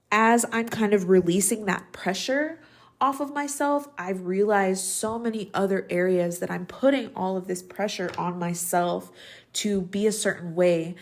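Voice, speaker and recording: A woman in her thirties hosting a solo podcast, talking in a chatty, reflective way with lots of ums and likes. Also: mid-range voice. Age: 30s. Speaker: podcast host. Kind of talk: casual solo podcast talk.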